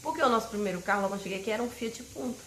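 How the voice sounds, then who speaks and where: A woman's voice: a little high, very fast, fairly bright tone, a little hiss or hum. A woman with a Brazilian Portuguese accent telling viewers a personal faith story in an emphatic way, speaking to them directly. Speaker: family vlogger. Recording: roomy echo, faint ambience.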